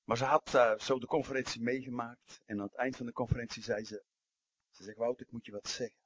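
A man delivers a sermon with a husky, slightly breathy voice. He tells stories, sinks into quiet passages and climbs into forceful emphasis. The recording is dry and muffled, with a dull lo-fi sound. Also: medium pitch, flat delivery, a little fast, no echo. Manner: storytelling, swings from hushed to emphatic. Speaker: preacher.

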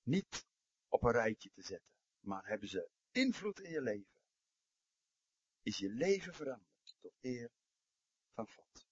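Husky-voiced male preacher, dull recording. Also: medium pitch, sing-song, unhurried, pauses often, no room sound. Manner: storytelling, swings from hushed to emphatic. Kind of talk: sermon.

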